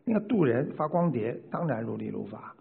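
Gravelly husky man lecturing emphatically. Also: medium pitch, sing-song, brisk. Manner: emphatic, rhetorical questions, laughing asides. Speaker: spiritual teacher answering questions. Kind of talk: lecturing Q&A answers. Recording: tinny phone-like sound.

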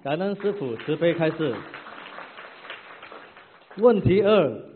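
A man's voice: a little high, expressive, takes it slowly, some chatter behind, a little hiss or hum. A man, a disciple, reading out questions in a formal, deferential way, with formulaic thanks. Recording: tinny phone-like sound.

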